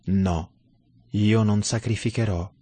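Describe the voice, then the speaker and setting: A man's voice: lowish voice, steady tone, slow, warm tone, dry recording. A man voicing a humble, steadfast martyr bishop. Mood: calm, resolute. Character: humble old bishop martyr, calm and firm.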